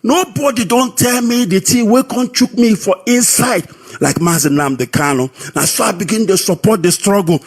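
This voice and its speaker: High husky Nigerian Pidgin man. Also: normal speed. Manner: lively storytelling, sing-song. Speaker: radio caller. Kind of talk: personal testimony. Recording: radio broadcast audio.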